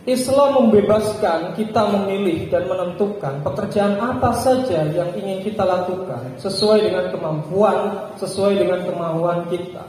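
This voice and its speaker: A man delivering a Friday sermon with measured phrasing broken into short pauses. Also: high voice, darkish tone, slight background noise. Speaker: preacher. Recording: echoey hall with long reverb.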